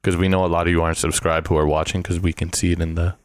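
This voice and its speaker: A man's voice: deep voice, little pitch movement, very fast, no room sound, studio quality. A man co-hosting a podcast, bantering playfully in casual chat. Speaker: podcast co-host.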